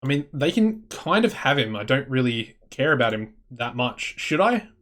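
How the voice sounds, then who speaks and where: An Australian man chatting casually as he plays a management game, thinking aloud and getting excitable. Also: medium pitch, normal speed. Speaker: gaming channel host.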